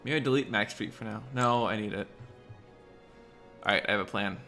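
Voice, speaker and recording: A man with a low, gravelly voice mutters his way through a city-building game, half planning out loud and half answering his chat. His talk is loose and casual, and faint music sits under the voice. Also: fairly quick. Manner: muttering to himself while planning, talking to chat. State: hiccups. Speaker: livestreamer. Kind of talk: casual gameplay commentary.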